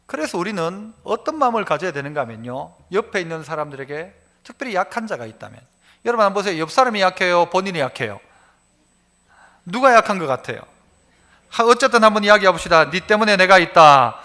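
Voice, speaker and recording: A man's voice: high-pitched, sing-song, fast talker. A middle-aged male pastor with a Gyeongsang accent, preaching a sermon, sometimes dropping into dialect and acting out quotes. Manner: preaching with dialect asides and acted quotes, varying loudness.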